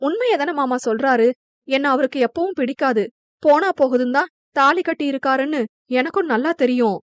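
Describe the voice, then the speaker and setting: A woman's voice: high voice, fairly quick, dry recording, highs cut off, natural voice. A woman voicing a hurt young bride speaking through tears of reproach. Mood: tearful. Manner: wounded, tearful reproach.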